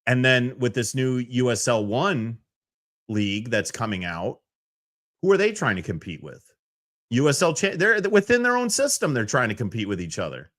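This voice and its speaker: Animated man talking sports. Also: mid-range voice, moderate pace. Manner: lively, animated, argues with business analogies. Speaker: podcast co-host. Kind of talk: casual sports talk.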